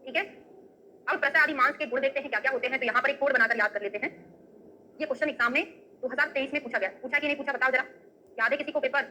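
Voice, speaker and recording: Brief: woman lecturer, bright, fairly high voice, checks in with the class, uses memory tricks. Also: racing, long pauses, a little hiss or hum, low-quality recording. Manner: asks students questions and checks with "है ना?"; memory tricks and everyday examples. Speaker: Ayurveda teacher. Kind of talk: online exam-prep lecture.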